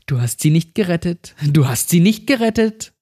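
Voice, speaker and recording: A man voicing a creepy monster that poses as a young girl, mocking and pleading in a high, shaky voice in a spoken horror story. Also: a little slow, dark tone. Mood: taunting. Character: creepy monster girl posing as a child, taunting.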